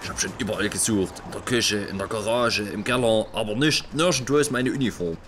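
Man plays a low-voiced, absent-minded inspector, fussy and flustered. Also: fairly quick, fairly bright tone, soft background music, close to an everyday voice. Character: bumbling forgetful police inspector father. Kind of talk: children's audio play.

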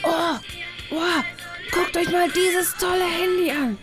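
A woman's voice: very high-pitched, slow, music in the background. A woman playing a sneaky female thief in a children's audio play, gloating in asides to the kids. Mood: scheming. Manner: scheming, smug, asides to the audience.

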